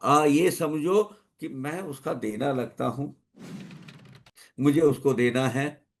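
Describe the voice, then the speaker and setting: A man's voice: mid-range voice, takes it slowly. A man giving a spiritual discourse at a devotional gathering, speaking emphatically, repeating phrases for stress and dropping English phrases into his talk. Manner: mixes English phrases into Hindi. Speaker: satsang speaker.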